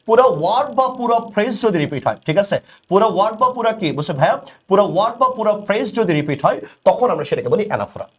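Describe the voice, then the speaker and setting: A young male tutor teaches in a fairly high voice that rises and falls a lot. He drills each term by repeating it and answering his own questions. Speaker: English tutor. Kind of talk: exam-prep lecture.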